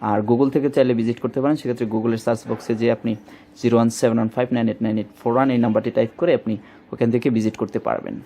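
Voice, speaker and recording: A man's dark, medium-pitched voice holds a steady tone while racing along. He has a Bangladeshi accent and is demonstrating a product informally as a shop presenter, repeating himself and searching for words with filler placeholders, over faint background noise.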